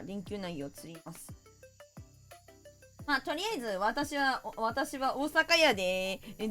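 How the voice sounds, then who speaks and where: Lively, high-voiced woman streamer. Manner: animated, playful, quick to laugh and mimic others. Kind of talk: casual chat while gaming, reading viewer comments.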